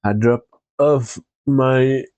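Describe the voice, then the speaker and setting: Congested, tired male streamer, slow talk. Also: medium pitch, steady tone, a little mellow, dry recording. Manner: easygoing, rambling with fillers and restarts. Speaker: Twitch streamer. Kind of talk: casual live-stream chat.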